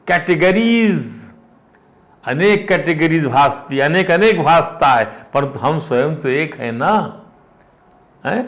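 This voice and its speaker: A man's voice: mid-range voice, fairly bright tone. An older man giving a spiritual discourse, repeating phrases and rising with emphasis on key points.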